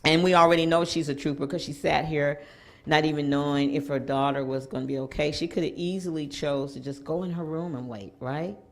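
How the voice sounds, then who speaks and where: Gravelly low-voiced woman hosting. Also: steady tone, fairly quick. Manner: preachy, call-and-response. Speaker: event host introducing a speaker. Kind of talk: stage introduction and pep talk.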